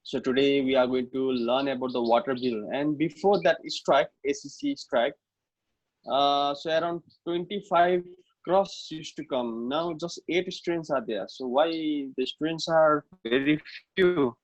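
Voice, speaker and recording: A man's voice: fairly high pitch, unhurried, dry recording. A man with a Nepali accent teaching an online lesson informally, often repeating himself and checking in with short tags. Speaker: math teacher. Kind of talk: online lesson, explaining informally with code-switching. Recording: dull lo-fi online class audio.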